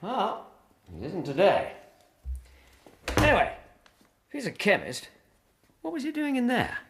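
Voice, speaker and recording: Doctor Watson, very animated English gentleman. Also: sits high, measured pace, gravelly, noisy background, heavily acted. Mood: sceptical. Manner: well-spoken, old-fashioned gentlemanly speech. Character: war-weary, irritable, curious Victorian English army doctor. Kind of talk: British radio drama acting.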